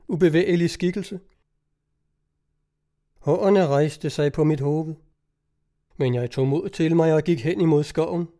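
A man reading a story aloud as narrator, in calm, measured scripted narration. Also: on the high side. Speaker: audiobook narrator.

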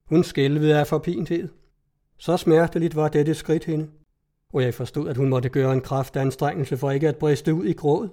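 A man narrating a story in a steady, measured reading style. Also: on the high side. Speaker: audiobook reader.

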